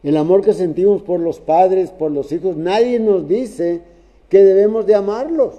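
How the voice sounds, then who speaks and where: A man preaching a sermon in a halting way, restarting phrases and often checking in with "¿verdad?". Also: sits high, highs cut off.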